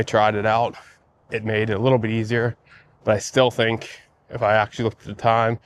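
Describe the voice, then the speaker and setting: Low, even-voiced man vlogging on a walk. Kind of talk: casual walking vlog chat. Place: outdoors, walking by lakes in a neighborhood before sunrise. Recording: outdoor ambient noise while walking.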